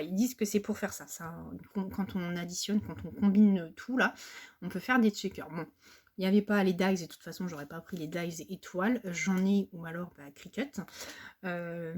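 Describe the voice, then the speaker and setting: A woman's voice: on the low side, normal speed, darkish tone. A woman from France chatting casually in a crafting haul, hesitant and full of fillers and restarts. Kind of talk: casual chat.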